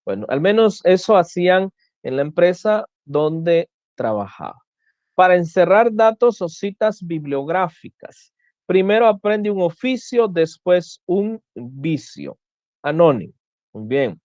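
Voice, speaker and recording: A man's voice: high voice, very animated, a little slow, darkish tone, no room sound. A man teaching an online class, explaining step by step and often restarting his phrases. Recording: dull lo-fi dry sound.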